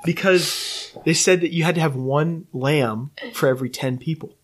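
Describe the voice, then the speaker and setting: A man's voice: a little high, moderate pace, a little hiss or hum. Rambling male podcast co-host. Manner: rambling storyteller, many restarts. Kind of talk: casual chat.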